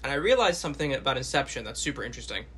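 Husky man breaking down a movie. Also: medium pitch, sing-song, racing, a bit bright. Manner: analytical, fillers like "like". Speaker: podcast co-host. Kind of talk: casual movie review chat.

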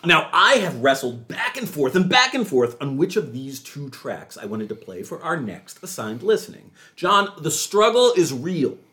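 A man hosting a music podcast, talking with theatrical enthusiasm and jumping into high excited yelps. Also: normal speed, few pauses. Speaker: podcast host.

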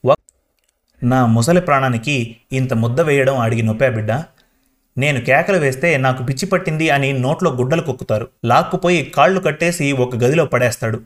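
A man's voice: medium pitch, fairly quick, lightly acted. Man voicing a tearful old grandmother. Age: older. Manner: tearful pleading, addressing the listener as child. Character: frail beaten 78-year-old grandmother, tearful. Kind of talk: storybook reading.

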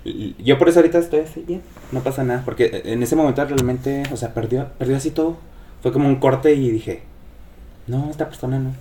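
Animated man spilling gossip. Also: medium pitch, fairly quick, slight background noise. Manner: animated storyteller, acts out quoted voices. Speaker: podcast co-host telling gossip. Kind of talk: casual gossip chat.

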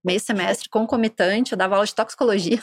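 A woman with a softened accent from Rio Grande do Sul, guest on a podcast, telling her story in a relaxed way with frequent tag questions. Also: mid-range voice, fast, no room sound, studio quality. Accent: southern Brazilian (Rio Grande do Sul), softened. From interior of Rio Grande do Sul, Brazil. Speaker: guest, regulatory specialist. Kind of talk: casual podcast interview. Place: podcast table at an office.

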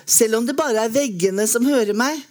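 A woman reading a lyric poem aloud in a slow, measured, lyrical way with long pauses. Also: a little high, a little mellow. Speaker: poetry reader.

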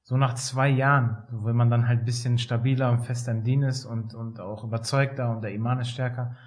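A man in his thirties from Germany, a physiotherapist talking as a podcast guest in a relaxed way, with many fillers and hesitations. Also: medium pitch, brisk. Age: 30s. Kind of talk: casual interview talk.

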